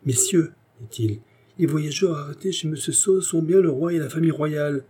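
A man's voice: fairly high pitch, moderate pace, mellow, a little hiss or hum, pitched above the performer's own voice, close to an everyday voice. A man voicing a startled townsman who speaks in an alarmed, breathless way in an audiobook. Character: startled townsman bringing news.

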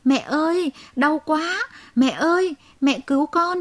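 A woman's voice: on the high side, moderate pace, dark tone, close to an everyday voice. Woman voicing a naughty little boy frog. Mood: pained plaintive. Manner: childish, whiny and boastful. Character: naughty young boy frog skipping school.

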